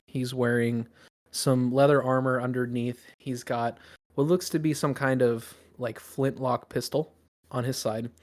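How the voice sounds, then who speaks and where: A man's voice: mid-range voice, fairly even intonation, unhurried, a little mellow. A man narrating a tabletop game casually, with many fillers. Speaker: game master.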